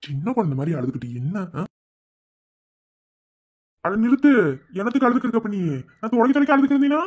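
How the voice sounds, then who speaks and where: A woman's voice: lowish voice, quick pace, slightly rough, lo-fi sound. A woman voicing a teasing young village man in love, bantering and scolding fondly in Madurai Tamil for a cartoon. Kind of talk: cartoon voice acting.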